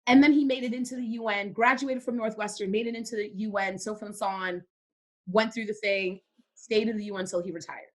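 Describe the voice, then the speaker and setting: A woman's voice: mid-range voice, steady tone, brisk. A young woman from Cameroon, a podcast guest in casual faith-based conversation, who speaks emphatically and repeats words for stress.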